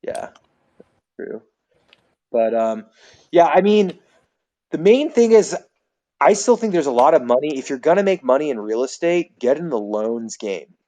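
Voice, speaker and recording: A man's voice: on the high side, very animated, unhurried, pauses often, mellow. A man hosting a livestream, chatting casually and reading viewer comments aloud. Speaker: livestream host.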